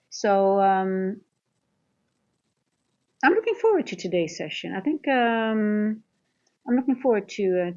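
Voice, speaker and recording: Her medium-pitched voice is a little mellow. She's a trading coach and livestream host from the Netherlands with a Dutch accent, casually chatting and speaking straight to viewers and the chat, all on dull, lo-fi stream audio.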